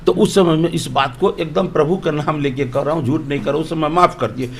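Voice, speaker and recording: A man's voice: fairly high pitch, fast talker, slight background noise. A man, a politician from Bihar, answering interview questions in an emphatic, argumentative way full of rhetorical questions.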